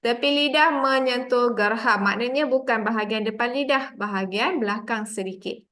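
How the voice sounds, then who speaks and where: A woman's voice: fairly high pitch, moderate pace, a bit bright. A woman with a Malaysian Malay accent teaching a tajweed class, explaining sounds patiently step by step. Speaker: Quran recitation teacher. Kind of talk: online tajweed lesson.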